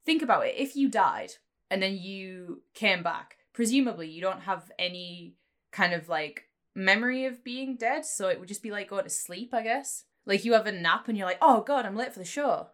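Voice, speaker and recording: A woman with a mid-pitched voice co-hosts a relaxed fan podcast. She chats and reads out trivia in a playful, joking manner. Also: moderate pace. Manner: jokey, playful. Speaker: podcast co-host. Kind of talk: casual chat and trivia about a TV series.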